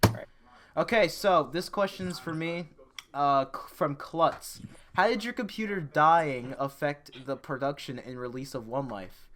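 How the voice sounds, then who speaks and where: A man's voice: on the high side, unhurried, a bit bright. A young man hosting a casual group post-show chat, laughing often and restarting his sentences as he reads questions. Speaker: host and editor.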